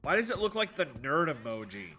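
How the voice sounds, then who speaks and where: His fairly high, sing-song voice is bright and forceful, moving fairly quickly. He's a congested man playing a game on stream, reading chat and keeping up rambling, sarcastic back-and-forth with his audience.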